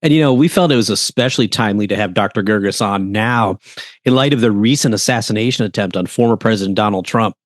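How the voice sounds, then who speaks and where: A man's voice: lowish voice, quick pace, dry recording. Flu-worn male co-host, dry sound. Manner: conversational, introduces guest. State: recovering from flu, lozenge in mouth. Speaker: podcast co-host. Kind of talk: podcast interview.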